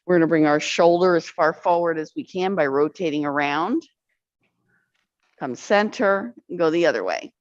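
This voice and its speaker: A woman with a slightly low voice guides an arthritis exercise class, counting each rep aloud and encouraging everyone along. The recording sounds dull and lo-fi, with a dry, close feel. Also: animated, moderate pace, no echo.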